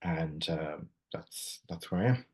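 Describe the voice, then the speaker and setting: Low-voiced Irish man in his forties. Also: animated, slow pace. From Ireland. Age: 40s. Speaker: poet, interview guest. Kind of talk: interview answers.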